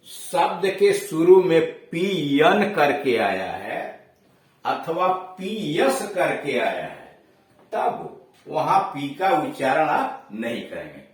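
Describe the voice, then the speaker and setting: Slow, lively-pitched teacher in an echoey room. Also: male voice, distant mic. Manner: explains slowly, repeats each rule, spells words out letter by letter; checks understanding with quick questions. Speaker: English grammar teacher. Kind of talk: classroom lesson. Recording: echoey room, voice from away from the mic.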